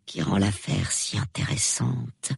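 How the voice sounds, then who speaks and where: A woman voicing a shrewd, gentle elderly spinster who speaks softly and measuredly, in an audiobook. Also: low voice, very animated, no room sound, clean studio sound, pitched above the performer's own voice, heavily acted. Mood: mild. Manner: soft, measured, murmuring.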